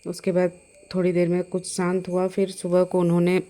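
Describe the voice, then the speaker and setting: A woman's voice: on the low side, completely flat delivery, fairly quick, mellow. A middle-aged woman recounting a frightening personal experience, hesitant, with many fillers and restarts. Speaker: storyteller.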